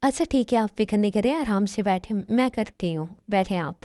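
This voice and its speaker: A woman voicing a gentle, reassuring young daughter in a fan dub. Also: mid-range voice, animated, fairly quick, no echo, clean studio sound, voice pushed down, lightly acted. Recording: music in background.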